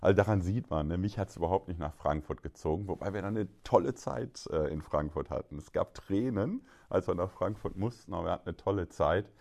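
Very low-voiced man, bank executive guest. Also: animated, a little fast, vocal fry, hardly any pauses, darkish tone. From Germany, Düsseldorf. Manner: fluent, many filler hesitations, friendly. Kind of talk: conversational podcast interview.

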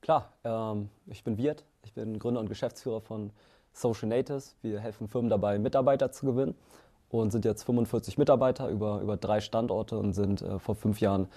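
Young man with a mellow voice. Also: fairly low pitch, brisk. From Germany. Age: 20s. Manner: relaxed, many fillers and restarts. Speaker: founder and CEO, interview guest. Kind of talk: casual interview answers.

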